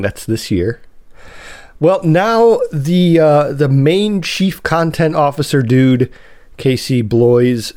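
Recorded dry with clean studio sound, a man hosts a casual solo podcast, his mid-range voice darkish in tone. A cold leaves him nasal, and he chats in a rambling way, often fixing what he just said.

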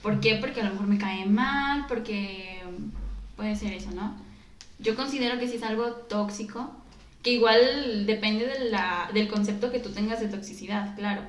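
A woman in casual chat, setting out her views in a reasoned, measured way. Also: medium pitch, far from the mic. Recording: echoey room.

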